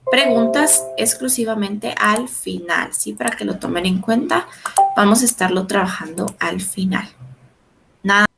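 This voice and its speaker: A woman teaching an English class, explaining step by step, often checking in with her students and slowing down to pronounce English phrases. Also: mid-range voice, fairly bright tone. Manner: explanatory, frequent checks like "¿verdad?" and "¿sí?". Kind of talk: online class lecture.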